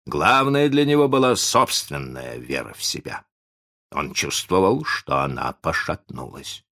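A man narrating a children's storybook aloud, expressive and addressing the listener. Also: extremely low pitch, a little slow, vocal fry. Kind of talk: audiobook storytelling.

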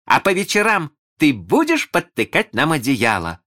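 A man reading a storybook aloud and voicing an eager, cunning young boy who never grows up, talking in an excited, coaxing way. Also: on the high side, normal speed, voice pushed up, full character voice.

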